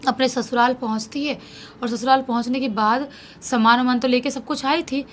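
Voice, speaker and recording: A woman's voice: sits high, fairly even intonation, normal speed, a bit bright, faint music behind. A woman telling a horror story in a dramatic way, mixing English words into her telling.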